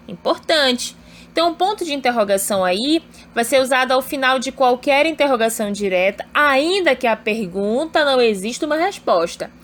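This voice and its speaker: A woman's voice: high voice, a bit bright. A woman teaching an online grammar lesson, explaining step by step and often checking in with her students.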